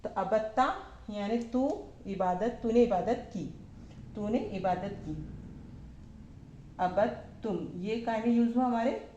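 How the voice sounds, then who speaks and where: A woman teaching Arabic verb forms to a class of women, asking questions and answering them herself, repeating each form slowly. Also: mid-range voice, warm tone, roomy sound, dull audio, slight background noise. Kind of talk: slow classroom lesson.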